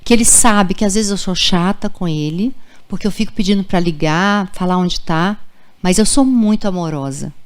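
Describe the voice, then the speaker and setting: A woman's voice: on the low side, moderate pace, clean tone. Woman in her forties, pediatrician speaking to parents in a friendly, conversational way. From Brazil. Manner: warm, conversational, checks in with "tá?" and "gente". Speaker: pediatrician giving a parenting talk. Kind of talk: live lecture to parents. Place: school auditorium.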